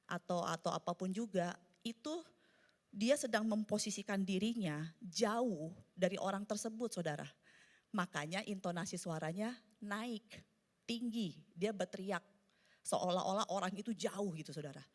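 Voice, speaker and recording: Female preacher, conversational sermon style, speaks straight to the congregation and stresses key points slowly. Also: medium pitch. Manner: conversational, addresses congregation as "saudara"; emphatic, slows down on key points. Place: church service.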